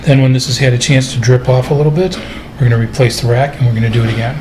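A man giving a relaxed, step-by-step cooking lesson over his video, explaining each move in a home kitchen. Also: medium pitch, rapid-fire, roomy sound, background noise. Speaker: cooking instructor.

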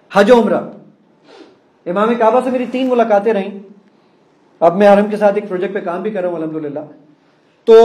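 A high-voiced man walks an audience through an app demonstration, explaining each step and turning to the room as he goes. His voice rings around an echoey hall. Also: a little mellow. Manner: explanatory, addresses audience directly. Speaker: app founder giving a demonstration. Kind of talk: live presentation to an audience.

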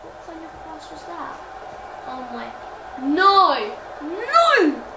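A woman's voice: sits high, normal speed, creaky, reverberant, distant mic, noisy background. A woman commentating on her own football video game, exclaiming at the screen as she plays. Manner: excitable, frequent exclamations at the screen. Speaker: gaming channel host.

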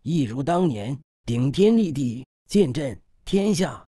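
A man voicing a devoted male subordinate who is dying, speaking hoarse, breathless and in broken phrases in an audiobook. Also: medium pitch, big pitch swings, dark tone, no echo, clean studio sound. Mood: pleading, fading. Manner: halting, broken-up speech.

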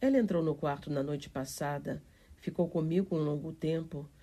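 A woman's voice: low voice, moderate pace, warm tone. A woman voicing a sickly, imperious young boy who gives orders in a storybook reading. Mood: commanding. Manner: bossy, insistent.

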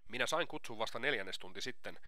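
A man's voice: mid-range voice, animated, pushed and bright, dry recording, clean studio sound. A man reading an audiobook aloud, voicing a feverish, proud young student who answers curtly and defiantly. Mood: tense. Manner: defiant, curt.

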